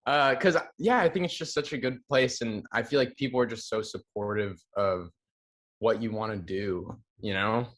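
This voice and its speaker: A young man from Hawaii talking as an actor guest, relaxed and chatty with casual slang. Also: on the low side, normal speed. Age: young adult. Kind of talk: casual interview answers.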